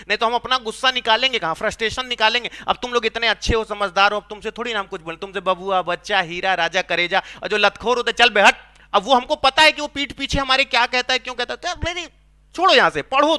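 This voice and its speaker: A man's voice: extremely high pitch, sharp tone. A man teaching a Hindi exam-prep lesson in a chatty way, acting out quoted lines and often asking the class to agree. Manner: chatty, scolding asides, acts out quoted lines.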